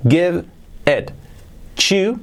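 A man with a Spain Spanish accent teaching English pronunciation in an online lesson, lively and repeating drill words again and again. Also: high voice, extremely slow, vocal fry, soft background music.

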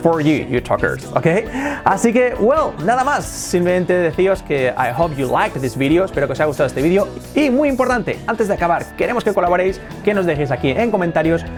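A man with a Spain Spanish accent giving an animated online English pronunciation lesson, repeating words and often laughing. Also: sits high, brisk, over music.

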